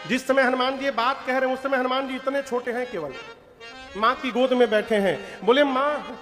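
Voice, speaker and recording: A man's voice: extremely high pitch, fairly even intonation, a little fast, bright, forceful tone. A man from Purvanchal with a Purvanchal Hindi accent, a devotional storyteller who tells sacred tales in a folksy way, speaks directly to his audience, and breaks into sung verses. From Purvanchal, India. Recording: long hall reverb with music.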